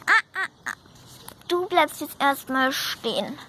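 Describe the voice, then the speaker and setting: A woman's voice: high-pitched, expressive, takes it slowly, sharp tone, slight background noise, pitched above the performer's own voice, full character voice. A woman voicing a patient horse who coaxes and reassures a companion. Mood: coaxing. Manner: coaxing, reassuring.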